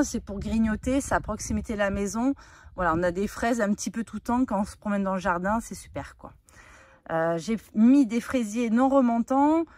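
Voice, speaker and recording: A woman's voice: fairly high pitch, no echo. Woman touring her garden, chatty. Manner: chatty, explanatory, frequent fillers. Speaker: gardening vlogger. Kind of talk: casual walkthrough of her vegetable garden. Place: outdoors in a garden.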